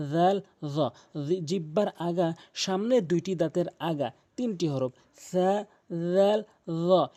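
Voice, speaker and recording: A man with a Bangladeshi Bengali accent walks through the sounds of each letter, stretching and repeating them with frequent pauses. His voice sits a little high for a man, yet its tone is mellow and soft rather than bright. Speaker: Quran reading teacher. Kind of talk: step-by-step pronunciation lesson.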